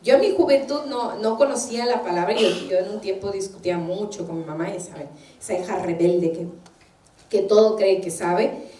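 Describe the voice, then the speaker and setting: A woman's voice: medium pitch, a little fast, warm tone. A woman minister giving a sermon, telling personal stories and acting out what people said. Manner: anecdotal, acts out quoted voices. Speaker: minister preaching. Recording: echoey room, distant mic.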